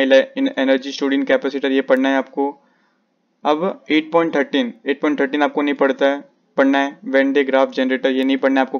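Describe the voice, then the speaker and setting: Man giving flat, repetitive syllabus directions. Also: medium pitch, lo-fi sound. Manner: repetitive, instructive, page-by-page directions. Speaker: physics teacher. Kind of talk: syllabus walkthrough lesson.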